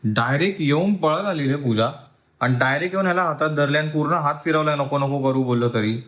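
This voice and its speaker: A man's voice: fairly high pitch, fairly quick, a bit bright. A man in a home vlog, a father lecturing his small daughter sternly and mixing in English words. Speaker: family vlogger and father. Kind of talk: home vlog, scolding a toddler. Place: at home indoors.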